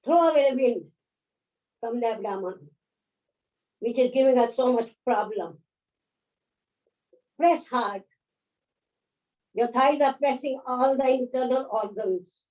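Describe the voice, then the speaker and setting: Slow, gentle woman yoga teacher. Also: fairly high pitch, muffled recording. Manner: gentle, unhurried counting and encouragement. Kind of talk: guided yoga class instruction. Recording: voice from a distance off the mic.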